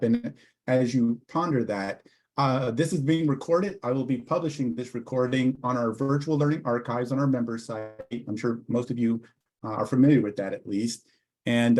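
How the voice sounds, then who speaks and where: A man's voice: medium pitch, darkish tone. A man hosting and moderating a webinar over a video call, easygoing as he wraps up the session. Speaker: host, communication director.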